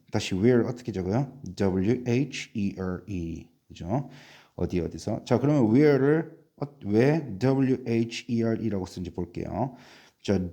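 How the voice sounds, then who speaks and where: A man's voice: lowish voice, mellow. A man teaching English spelling and sounds in a lesson, drilling learners with repeated questions and answers in a Korean accent.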